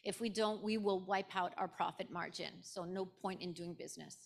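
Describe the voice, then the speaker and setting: A woman's voice: on the low side, steady tone, normal speed, vocal fry. Canadian-raised woman explaining on a conference panel. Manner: explains in numbered points, often adds "right?". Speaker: guest speaker. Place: large conference room with an audience.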